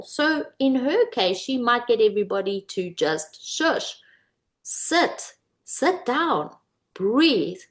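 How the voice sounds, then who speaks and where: Middle-aged woman coach, coaxing, asks viewers questions, mid-pitched voice. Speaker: manifestation coach. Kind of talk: instructional video talk. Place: indoors, by a whiteboard.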